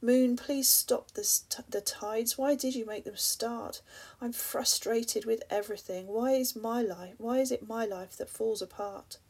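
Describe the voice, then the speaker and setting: Husky, gravelly woman reading poetry. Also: a little high, unhurried, hardly any pauses. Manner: soft, often breathy half-whisper, addressing the listener with reflective questions. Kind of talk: spoken-word poetry reading.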